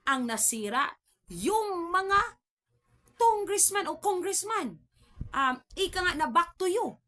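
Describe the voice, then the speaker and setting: A woman's voice: extremely high pitch, big pitch swings, slow, pushed and bright. A woman from the Philippines giving casual political commentary on her vlog, chatty, with constant tag questions and mocking laughs. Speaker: vlog host.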